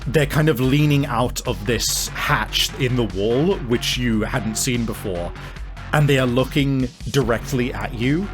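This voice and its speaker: Clearly audible music plays behind a mid-pitched man acting as game master for a tabletop roleplaying game. He improvises suspenseful, descriptive narration, delivering it haltingly.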